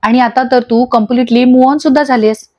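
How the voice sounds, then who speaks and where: A woman's voice: a little high, steady tone, a little fast, darkish tone, close to an everyday voice. A woman voicing a cheeky, teasing young best friend who speaks with playful drama. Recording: dull lo-fi audio.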